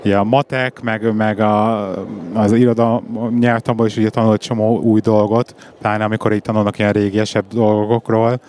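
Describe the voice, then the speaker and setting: A man's voice: lowish voice, flat delivery, hardly any pauses, darkish tone, a little hiss or hum. A man hosting a podcast in an informal, conversational way, repeating and restarting his phrases. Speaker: podcast host. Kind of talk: casual conversational interview.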